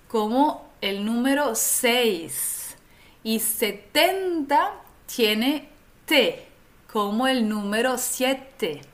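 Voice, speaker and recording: A woman who is a native Spanish speaker, teaching pronunciation in a slow, careful lesson, drilling words and having listeners repeat after her. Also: high-pitched, a bit bright.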